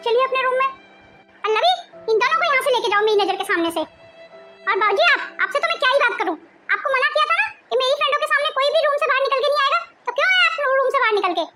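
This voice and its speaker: A woman's voice: animated, fast, loud music behind the voice. A woman acting a haughty young wife who scorns her in-laws, snapping out insults in a home-video family drama. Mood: furious. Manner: sneering and shrill, snapping out insults. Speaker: actor in a family drama skit.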